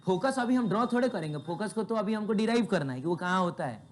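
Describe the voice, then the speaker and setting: A man teaching physics in a classroom, asking the students rhetorical questions and telling chatty ones to be quiet. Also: high voice, expressive, fast talker. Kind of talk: classroom lecture.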